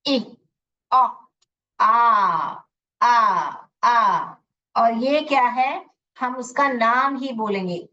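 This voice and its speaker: Slow-talking Indian woman teaching phonics. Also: a little high, a bit bright, recorded from a distance, muffled recording. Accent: Indian English. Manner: patient, repeats and checks understanding. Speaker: English teacher. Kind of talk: online phonics class in Hindi and English.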